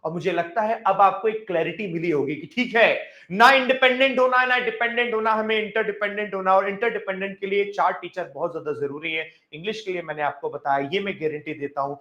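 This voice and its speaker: A man's voice: high voice, brisk, pushed and bright, dull audio. A man, a bank exam English teacher giving an emphatic motivational lecture with a story and rhetorical questions. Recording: echoey room.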